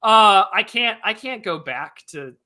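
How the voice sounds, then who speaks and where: Rambling bright-voiced man co-host. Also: high-pitched, expressive, a little slow. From United States. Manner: rambling, joking, many fillers and restarts. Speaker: podcast co-host. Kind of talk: casual chat.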